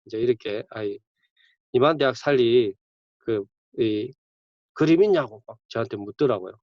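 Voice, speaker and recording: A man's voice: medium pitch, normal speed, dry recording. A male campus ministry pastor, preaching conversationally with sudden bursts of emphasis. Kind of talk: sermon. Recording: dull dry lo-fi recording.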